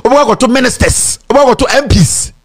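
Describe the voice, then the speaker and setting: Speaking brisk with an extremely high, breathy-edged voice, a young Ghanaian man hosts a mocking commentary show in an indoor studio. His Ghanaian-accented talk switches between English and Twi, animated and sarcastic, with laughter and taunting sing-song bits.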